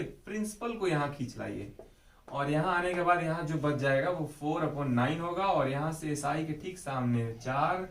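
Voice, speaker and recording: Male math tutor, slightly high-pitched, patient step-by-step explainer, recorded from a distance. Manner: patient, repeats key steps with frequent "ठीक है" check-ins. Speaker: math teacher. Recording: echoey room, voice off mic.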